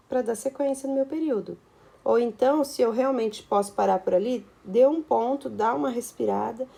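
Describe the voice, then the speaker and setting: A Brazilian woman teacher with a gravelly, mellow voice gives a video lesson. She explains step by step and keeps checking in with short tag questions. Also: on the high side. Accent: Brazilian Portuguese.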